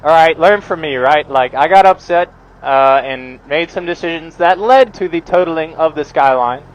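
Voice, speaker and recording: Riding a motorcycle outdoors, this vlogger chats with his viewers in a relaxed, slang-heavy way laced with swearing. His voice is a little high and moderately paced, the audio sounds dull, and engine and traffic noise fill the background.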